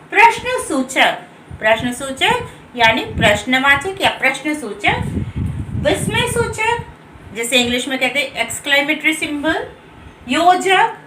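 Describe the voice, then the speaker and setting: A woman teacher giving a grammar lesson, explaining slowly and repeating each term in other words. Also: high voice, bright, forceful tone, roomy sound, recorded from a distance, slight background noise, low-quality recording. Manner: explains slowly, repeating terms and rephrasing them. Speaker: Hindi teacher.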